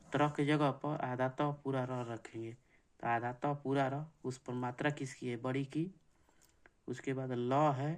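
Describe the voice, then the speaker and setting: A man teaching an exam-prep grammar lesson, slow and repetitive, counting things out and asking checking questions. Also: mid-range voice.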